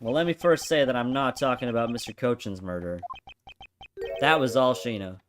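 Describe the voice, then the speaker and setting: A man's voice: mid-range voice, moderate pace, lightly acted. A man voicing a swaggering, boastful male detective in a put-on bad Irish-British accent, over game music. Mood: cocky.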